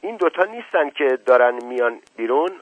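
A man's voice: mid-range voice, very animated, dry recording, pitched above the performer's own voice. A man voicing a short, heavy mullah, a middle-aged man eager to marry, who talks in a dismissive, self-assured way, heard on a lo-fi radio recording.

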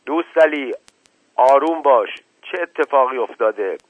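A man voicing a proud, ailing older patriarch who speaks slowly and commandingly, on a tinny, dry radio recording. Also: medium pitch, fairly even intonation, dry recording, lightly acted. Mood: stern. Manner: slow, commanding.

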